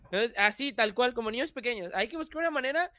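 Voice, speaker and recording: A young man with a Mexican Spanish accent, talking as a guest in a casual interview, animated and quick to laugh. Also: extremely high pitch, clean tone, no room sound. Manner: animated, laughs often, restarts phrases. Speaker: YouTuber guest.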